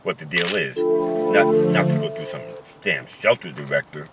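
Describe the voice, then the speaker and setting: A man playing an anxious, down-on-his-luck worker in a naturalistic drama, halting and repeating his words, by turns indignant and pleading. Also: rumbling low, far from the mic, loud music behind the voice. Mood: bewildered, worried.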